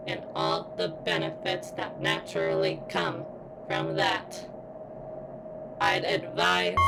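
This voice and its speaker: A woman voice actor plays a damaged female surveillance robot in an ASMR roleplay monologue, using formal, clinical, stilted phrasing broken by halting pauses. Her exaggerated voice is very deep and creaky, strained as if in pain, with background noise present.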